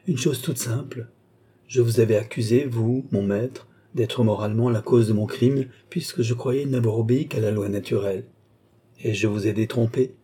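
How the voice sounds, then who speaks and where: A man's voice: medium pitch, fairly even intonation, moderate pace, dark tone, breathy edge, lightly acted. A man reading an audiobook, voicing an earnest, proud young man in rags who pleads yet stays resolute.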